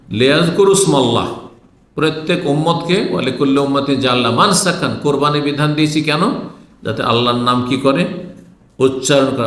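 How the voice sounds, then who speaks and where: A man's voice: mid-range voice, fairly bright tone. A man from Bangladesh giving a religious lecture, teaching point by point and putting questions to his listeners. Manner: teaching in numbered points, asking the audience questions. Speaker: Islamic preacher. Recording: roomy echo.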